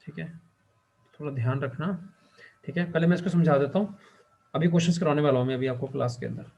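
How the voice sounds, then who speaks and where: A male teacher lecturing a class, who keeps asking the students questions and fills his pauses with the same short check-in phrase. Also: on the high side, a little mellow. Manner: quizzes students and fills pauses with "theek hai".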